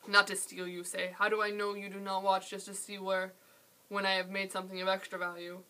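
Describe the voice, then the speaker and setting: A woman reading aloud, voicing an angry old male potter who shouts and questions sternly. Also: mid-range voice, level tone, a little fast, lightly acted, rough recording.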